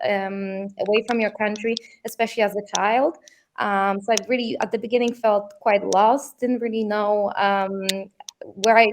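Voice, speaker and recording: A woman's voice: on the high side, a little hiss or hum. A woman from Poland speaking as a panelist in an online discussion, earnest and personal, with hesitant fillers. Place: video call.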